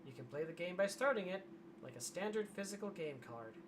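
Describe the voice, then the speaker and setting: Hoarse streamer rambling on a livestream, wry little gripes, middle pitch, bit of faint noise. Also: expressive, a little fast. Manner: wry, grumbling, reads aloud from a web page. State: losing voice, hoarse. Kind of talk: casual livestream commentary.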